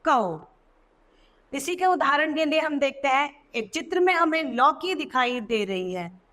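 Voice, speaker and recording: A woman teacher narrating a children's language lesson, slow and emphatic, stressing key words in a sing-song way. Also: sits high, animated, fairly bright tone. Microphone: voice-over.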